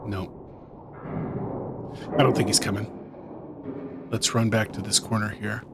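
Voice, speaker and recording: A gaming YouTuber with a lowish, flat voice murmurs tense commentary to himself and the viewer while playing a horror game. He speaks at a measured pace, and heavy background noise fills the clip.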